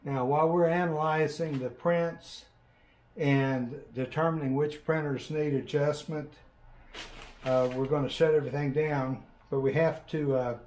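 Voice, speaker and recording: An older man with a slightly high voice hosts from a large indoor workshop lined with shelves of printers, calmly demonstrating a task how-to style. He's unhurried and plainspoken, pausing with fillers as he works.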